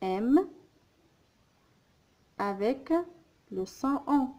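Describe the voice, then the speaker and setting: Very slow, careful woman teacher. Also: on the high side, a little mellow. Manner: sounds out words slowly, repeating syllables. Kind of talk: slow, careful phonics lesson.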